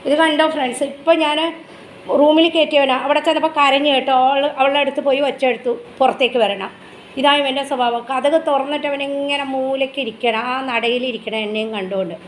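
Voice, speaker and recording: Her voice is high-pitched, fairly even in intonation, and fairly quick. She's a Malayali-accented woman filming a relaxed vlog in her home's kitchen area, switching between doting baby talk to her dog and chatty remarks to viewers, recorded in an echoey room with faint background noise.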